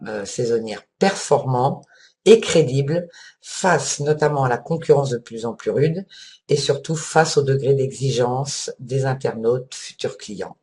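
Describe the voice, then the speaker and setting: A woman giving an earnest, enthusiastic testimonial as a holiday rental owner, pausing on fillers. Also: a bass voice, mellow.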